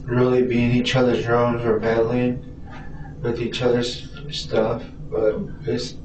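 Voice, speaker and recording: A hesitant American man from Arizona, a suspect answering police questions in an interview room, stammers and repeats words in a flat delivery. His voice is mid-range at a measured pace, picked up by a distant, roomy mic with dull audio and faint noise.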